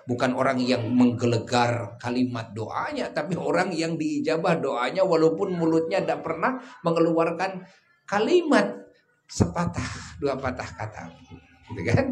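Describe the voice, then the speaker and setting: An older man from Indonesia preaching an Islamic sermon, lively and often checking with listeners. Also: mid-range voice. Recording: faint background noise and ambience.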